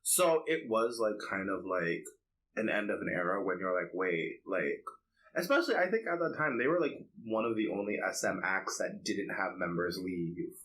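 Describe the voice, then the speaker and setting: A man with a low voice co-hosts a casual K-pop podcast, chatting and giving his opinions while constantly saying "like." He sounds expressive, with a moderate pace and fairly bright tone, though the audio is poor.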